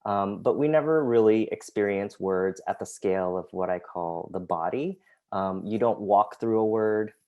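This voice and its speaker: Over a video call, this American artist and graphic designer, a native Vietnamese speaker, shows his artwork in an online talk, speaking softly and hesitantly with lots of ums. The recording is muffled, and his fairly low voice moves at a moderate pace.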